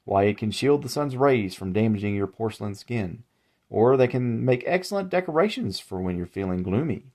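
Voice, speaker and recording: A man's voice: on the low side, animated, moderate pace, a little mellow. A man voicing an old male umbrella salesman who is polite and sinister, with courtly, folksy, old-fashioned phrasing.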